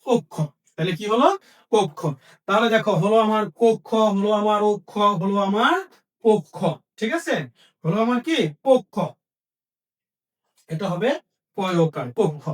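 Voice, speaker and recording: Speaking unhurriedly in a high voice with frequent pauses, a man gives a Bengali grammar lesson on a distant mic. He poses questions, then answers them himself, going over every key point again.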